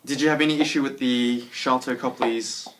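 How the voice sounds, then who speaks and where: A man's voice: mid-range voice, fairly even intonation, normal speed, background noise. A man co-hosting a casual podcast chat, rambling and hesitant, with many fillers. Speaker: co-host. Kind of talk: casual chat about a TV trailer.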